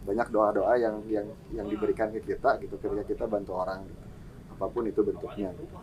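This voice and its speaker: Man, low, casual volunteer guest; audible crowd noise under him. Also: level tone, fast talker, rough recording. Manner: casual, plainspoken, fillers like "gitu". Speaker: humanitarian program volunteer. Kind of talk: recounting experiences in a podcast interview.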